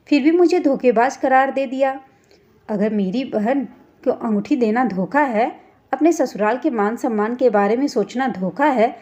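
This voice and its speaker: A woman's voice: on the high side, a little mellow, muffled recording. A woman narrating a family story in the first person, with earnest, emotional delivery.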